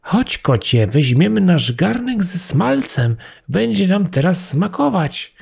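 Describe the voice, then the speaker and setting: A man's voice: very animated, takes it slowly, creaky, darkish tone, slight background noise, heavily acted. A man voicing a naive, trusting female mouse who wonders aloud in a raised voice. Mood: cheerful. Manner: high, wondering exclamations.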